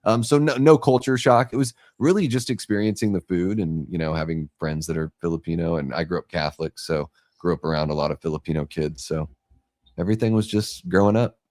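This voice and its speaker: A man from Southeast Alaska co-hosts a relaxed livestream in a very low voice. He chats with viewers and drops teasing jokes between the host's comments. The sound is dry and close. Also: a little fast, no echo. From Southeast Alaska, USA. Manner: jokey interjections and teasing asides. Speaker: livestream co-host. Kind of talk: casual livestream chat.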